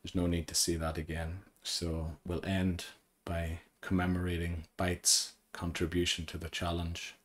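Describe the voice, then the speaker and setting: Deep, monotone male let's-play commentator; calm, analytical, voice wearing thin. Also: measured pace. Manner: calm, analytical and low-key. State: losing his voice. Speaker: gaming commentator.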